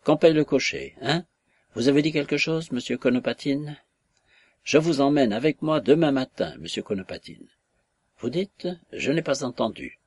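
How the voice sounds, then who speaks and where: A man's voice: mid-range voice, animated, moderate pace, darkish tone, breathy edge, no room sound. A man voicing an elegant, self-important statesman who gives orders and talks down to his guests, in a read-aloud novel. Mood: commanding. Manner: commanding, pompous, condescending.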